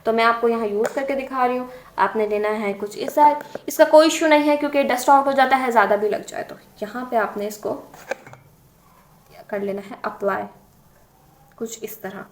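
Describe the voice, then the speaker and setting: A woman's voice: fairly high pitch, fairly bright tone. A woman with a Pakistani Urdu accent hosting a casual beauty tutorial, giving chatty step-by-step instructions and often repeating phrases. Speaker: makeup tutorial host. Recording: roomy echo.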